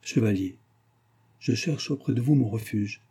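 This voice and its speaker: A man voicing a ruined, desperate old gambler who pleads and then confesses gravely, in an audiobook reading. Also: fairly low pitch, measured pace, dark tone. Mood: pleading.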